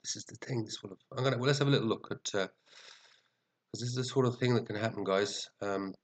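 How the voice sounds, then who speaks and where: Low-pitched sniffly man, chatting casually. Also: a little fast. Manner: chatty, muttering to himself, mildly sweary. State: sniffly, congested with a head cold. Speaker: fantasy football show host. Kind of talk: casual rambling commentary reviewing team scores.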